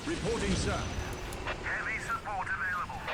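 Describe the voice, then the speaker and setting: A male actor voicing a loud, gung-ho army tank crewman reporting for duty in a video game. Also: high-pitched, normal speed. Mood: gung-ho, dutiful. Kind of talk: video game unit voice acting. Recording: noisy game audio with battle sounds.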